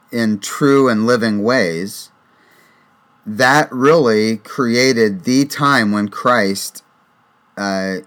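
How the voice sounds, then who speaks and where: Man, very slow pace, steady panelist who repeats himself as he reasons. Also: lowish voice. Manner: deliberate, repeats phrases as he builds a point. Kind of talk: theological panel discussion.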